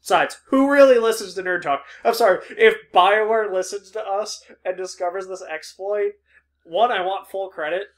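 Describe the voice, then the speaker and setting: A man's voice: high voice, normal speed. Sarcastic joking podcast co-host man. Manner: joking, sarcastic, goes off on tangents. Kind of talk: casual chat.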